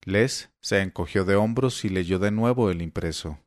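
A man reading a story aloud in a measured, even narration style. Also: sits low, no echo, clean studio sound. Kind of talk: scripted audiobook narration.

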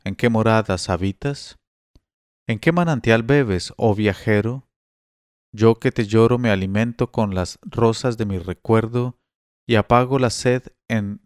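A man voicing a sad young slave woman who speaks softly and pleads in a read-aloud tale. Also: fairly low pitch, smooth, no echo, studio quality, natural voice.

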